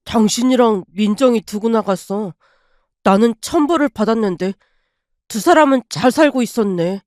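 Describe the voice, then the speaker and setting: A woman voicing a sick, shameless middle-aged father who pleads in a low, slow, whining voice. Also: darkish tone, no echo, studio quality, lightly acted. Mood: pleading.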